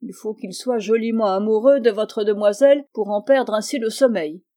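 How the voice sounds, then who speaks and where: A woman reading aloud plays a gossipy older coachman with a folksy, chatty manner. Her voice is mellow and dark in tone, a little louder than her narration. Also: mid-range voice, moderate pace, natural voice. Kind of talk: audiobook reading.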